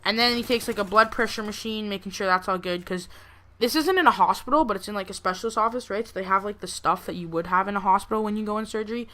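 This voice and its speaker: A young woman talks casually, as in a personal gameplay commentary. Her voice is bright and sharp-edged, at an average pitch for a woman. She rambles through her story with plenty of conversational filler. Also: quick pace. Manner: rambling, frequent "like" and "you know". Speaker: gameplay video creator.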